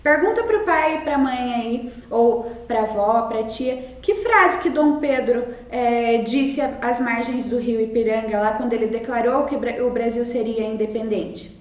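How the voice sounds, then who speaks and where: A woman with a Brazilian accent talks young pupils through a worksheet in a recorded lesson. Her voice sits high and she takes her time, repeating each point patiently. The sound is roomy, and her mic is set some way off. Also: recorded from a distance. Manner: slow, patient explaining with many repetitions. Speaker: primary school teacher.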